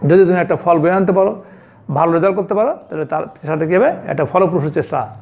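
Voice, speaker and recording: A male school teacher giving an online English lesson to young children, explaining word meanings step by step and repeating each answer slowly. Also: high voice, darkish tone, lo-fi sound.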